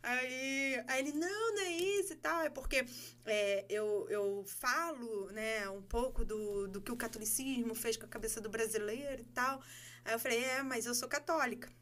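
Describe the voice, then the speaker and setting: A Brazilian woman telling a story in casual podcast chat, animated and laughing as she acts out dialogue. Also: a little high, normal speed. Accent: Brazilian Portuguese. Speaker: guest.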